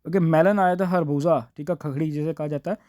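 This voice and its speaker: A man running a casual vlog lesson on Korean fruit names, saying each word several times and filling pauses with a stock phrase. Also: fairly high pitch, fairly even intonation, mellow, no echo, clean studio sound. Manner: repeats each word slowly, fills with "theek hai". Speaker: vlogger teaching Korean words.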